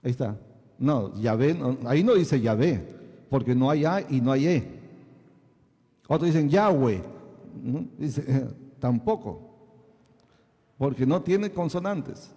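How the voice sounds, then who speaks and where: A male pastor delivers a teaching sermon in a mid-range, dark, animated voice at an unhurried pace. Again and again he asks the congregation whether they follow, and long hall reverb surrounds him.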